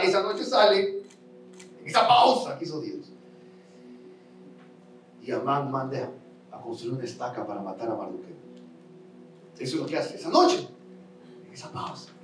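A man's voice: mid-range voice, slight background noise. A male pastor preaching a sermon, retelling a Bible story with acted voices and asking his congregation rhetorical questions with emphatic repetition. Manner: storytelling, acts out voices of the king and Haman. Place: large church sanctuary. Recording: roomy church sound from a distance.

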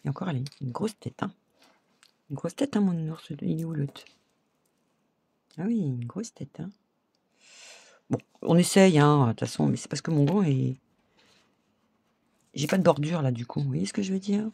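Middle-aged woman, chatty craft-tutorial host, husky dark voice, talks straight to viewers. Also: sits low, lively intonation, normal speed, pauses often, dry recording. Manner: chatty, laughs often, addresses viewers directly. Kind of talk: casual craft tutorial talk.

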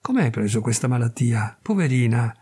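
A man's voice: medium pitch, sing-song, moderate pace, warm tone, slightly rough. A man reading aloud voices a young army captain who is ashamed and evasive and stammers in embarrassment. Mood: awkward. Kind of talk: audiobook reading of a classic tale.

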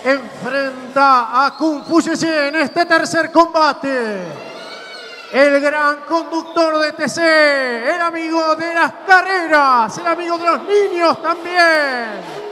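Very high-pitched man, lucha libre announcer. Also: long reverb tail, some chatter behind, a little hiss or hum. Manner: shouted, drawn-out delivery of fighter names. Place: indoor wrestling arena, in the ring. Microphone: handheld microphone.

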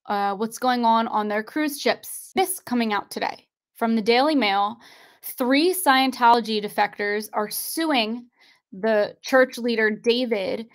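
A woman's voice: on the high side, measured pace. A young woman hosting an online livestream, reading articles aloud and pressing her viewers with rhetorical questions from her desk. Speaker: online show host. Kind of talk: conspiracy commentary livestream. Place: indoors at a desk, screen-sharing.

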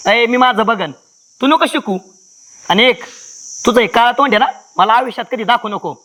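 A callous young village lover. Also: male voice, very high-pitched, moderate pace, sharp tone. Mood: dismissive. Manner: dismissive, mocking.

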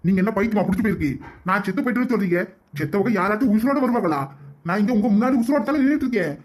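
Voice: mid-range voice, rapid-fire, natural voice. A performer voicing an injured, baffled grown son in a cartoon comedy, complaining in a Kanyakumari Tamil accent. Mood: exasperated. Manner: exasperated, complaining.

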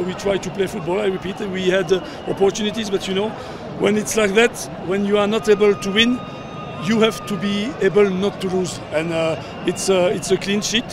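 Surrounded by reporters outdoors in front of a sponsor backdrop, an older football coach answers post-match questions into a cluster of handheld mics and phones. He speaks in a high, barking press-scrum voice over outdoor noise. He halts often, with lots of fillers, repetitions and non-native phrasing.

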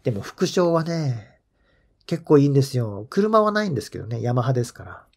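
A man with a husky, gravelly low voice hosts a golf commentary channel from home. He chats casually, laughs often and drops into quiet murmured asides. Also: sing-song, brisk.

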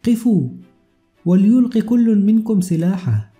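A bold young woman intelligence officer, as a man narrator puts her on, pitched up and tense in her questions. The tone stays deep-toned and mellow under the lift, and she speaks with urgent astonishment in an audiobook adventure. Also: fairly quick, faint music behind, close to an everyday voice. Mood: commanding.

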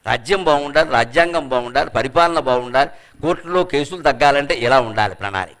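An older man giving a lively public lecture to law students, acting out quoted people and chanting Sanskrit verses slowly. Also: medium pitch. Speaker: scholar and lecturer.

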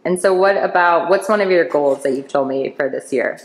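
This woman chef has a low, brisk voice as she interviews a friend in a home kitchen. The casual exchange is chatty and friendly, full of fillers, and the kitchen sounds roomy.

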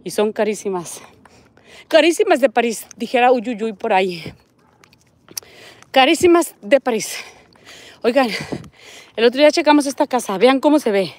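A woman's voice: on the high side, darkish tone, no echo. Chatty Mexican woman vlogging outdoors. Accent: Mexican Spanish. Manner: chatty, reads viewer comments aloud, points things out. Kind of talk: casual live-stream walking vlog. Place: outdoors on a residential desert street.

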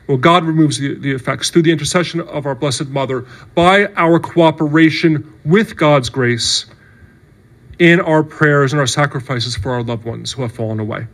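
Earnest priest preaching a sermon. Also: male voice, fairly high pitch, fairly bright tone. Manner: earnest, conversational preaching with frequent "right?" and "okay". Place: church.

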